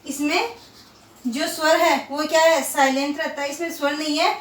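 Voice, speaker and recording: A woman leads a primary school class in a recorded online lesson, patiently drilling pronunciation and posing questions she then answers herself. Her high voice holds a steady tone at normal speed, picked up from a distance in a roomy space.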